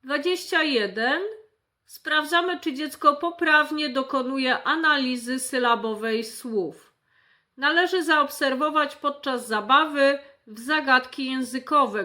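Slow, high, bright-voiced woman therapist. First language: Polish. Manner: slow, careful, articulating example words. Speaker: speech therapist. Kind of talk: reading a checklist aloud.

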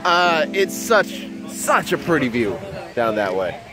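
Over music, a young Southern-accented man in his twenties vlogs his vacation to a handheld camera at arm's length, chatty and amazed, at a condo balcony, the beach and a big store. He's a fishing vlogger, and his voice sits on the high side, sing-song and slow.

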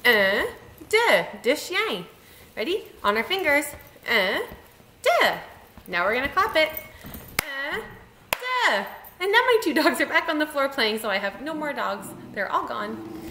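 A young woman leading online circle time for children, chanting and singing in an animated, encouraging way. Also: sits high. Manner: animated, sing-song, encouraging. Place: home room. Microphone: webcam. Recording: echoey room with faint noise.

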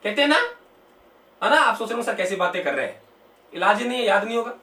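A man teaching an exam-prep lesson through a memory story, reciting slowly and asking questions that he answers himself. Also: sits high, expressive, pushed and bright. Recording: echoey room, mic at a distance.

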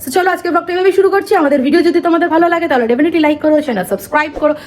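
Fast-talking young Bengali woman vlogger. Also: very high voice, darkish tone. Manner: chatty, quick, mixes English words into Bengali. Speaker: vlogger, mother of the baby. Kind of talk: casual vlog narration to camera.

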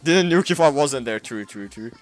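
A young man giving casual, excitable commentary while playing a shooter game, trash-talking and laughing often. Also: mid-range voice, normal speed, no echo. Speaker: gaming streamer. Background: anime music.

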